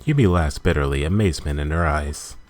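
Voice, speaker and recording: Deep-voiced man reading game text. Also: faint music behind. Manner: steady, measured reading with small slips. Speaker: gaming channel host.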